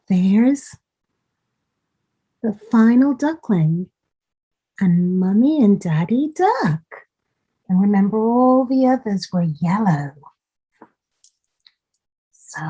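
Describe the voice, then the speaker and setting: Reading a story for children, a woman goes very slowly and deliberately, her medium-pitched voice mellow with a touch of huskiness. She speaks expressively and talks straight to her young audience, though the recording quality is poor.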